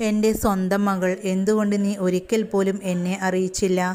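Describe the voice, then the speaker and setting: A woman's voice: mid-range voice, flat delivery, a little fast, warm tone, lightly acted. A woman reading a remorseful, pleading man.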